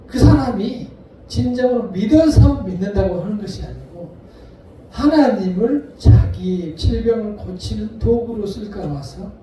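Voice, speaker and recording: A man preaching a sermon as a pastor, earnest and deliberate, leaning on repeated emphasis. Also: high-pitched, mellow, slight background noise. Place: church sanctuary. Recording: echoey room, voice picked up from a distance.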